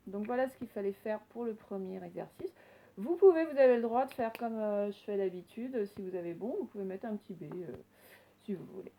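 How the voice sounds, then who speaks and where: Woman teacher slowly sounding out words. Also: mid-range voice, low-quality recording. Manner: slow, clearly sounded-out words, gentle instructions. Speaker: primary school teacher. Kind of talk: recorded reading lesson for children.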